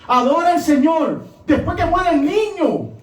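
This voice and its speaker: A man delivers a sermon in a high, ringing voice. He swings between emphatic peaks and hushed, low drops. The recording sounds echoey, with the voice set back from the mic. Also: expressive, a little slow. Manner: emphatic preaching, rising and dropping. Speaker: preacher. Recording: echoey room, voice from a distance.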